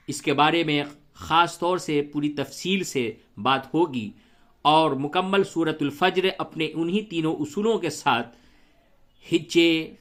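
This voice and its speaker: Patient Quran teacher spelling out letters. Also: male voice, on the high side, fairly bright tone. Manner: explains rules patiently, spells out letters and recites slowly. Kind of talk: tajweed lesson with slow recitation.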